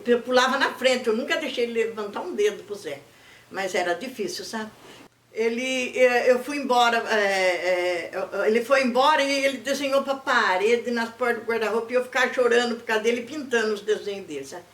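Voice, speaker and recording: A woman's voice: on the high side, a little fast. Older Brazilian woman, roomy storytelling voice. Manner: lively storyteller who acts out the people she quotes. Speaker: interviewee. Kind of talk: oral history storytelling.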